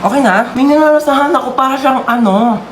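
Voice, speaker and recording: A woman's voice: sits high, brisk, roomy sound, background noise. A woman performing comic POV skits, switching characters with playful exclamations. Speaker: skit performer.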